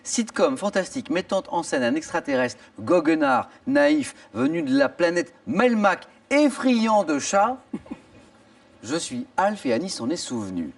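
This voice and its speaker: Animated high-voiced quiz show host. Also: male voice, a little slow, gravelly. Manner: animated, theatrical, exclaiming. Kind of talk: game show hosting. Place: television studio. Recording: from a distance over music and audience. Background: theme music and studio audience.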